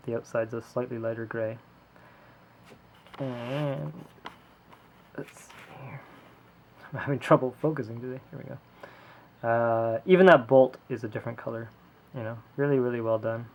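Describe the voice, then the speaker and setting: Gravelly-voiced man casually reviewing a toy. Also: mid-range voice, a little hiss or hum. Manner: relaxed, rambling, many fillers. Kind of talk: casual hands-on product review. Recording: lo-fi home video audio.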